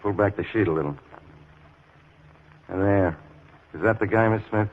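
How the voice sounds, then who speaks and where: An actor playing a blunt, exasperated police inspector with an American accent and brusque, slangy delivery in 1940s radio crime style. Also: male voice, fairly low pitch, normal speed, lightly acted. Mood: businesslike. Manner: brusque, slangy tough cop. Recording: muffled, dull 1940s radio recording.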